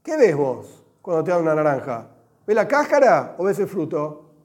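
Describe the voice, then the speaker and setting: High-voiced Argentine man teaching. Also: moderate pace. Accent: Argentine Spanish. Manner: animated and joking, mixes in Hebrew terms. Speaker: religious teacher. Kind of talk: lively class with everyday examples.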